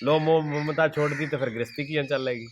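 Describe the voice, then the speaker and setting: A middle-aged spiritual teacher delivers a devotional sermon, posing rhetorical questions, answering them himself, and repeating plain, folksy everyday examples. His voice is a little high and steady, his pace slightly fast, with some faint background noise.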